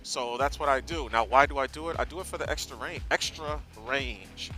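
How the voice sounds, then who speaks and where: American man motovlogging from inside a helmet, bright voice. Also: mid-range voice, a little fast, faint music behind. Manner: talking from inside a motorcycle helmet while riding. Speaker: motorcycle vlogger. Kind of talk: casual rambling ride-along chat. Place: inside a helmet on a moving motorcycle.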